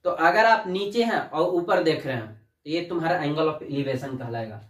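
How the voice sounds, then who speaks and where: Male teacher, higher voice, talks to students as kids, recorded off-mic in an echoey room. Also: normal speed, distant mic. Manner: addresses students as "बच्चा", asks and answers own questions. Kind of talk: classroom lesson.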